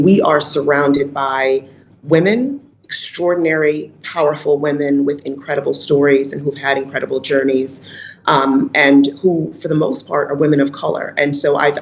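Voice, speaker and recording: A woman from Rochester, New York, giving an earnest, measured and reflective talk as a guest speaker at a virtual conference. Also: sits low, steady tone, slight background noise, rough recording. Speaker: guest speaker, mayor's chief of staff. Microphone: video call.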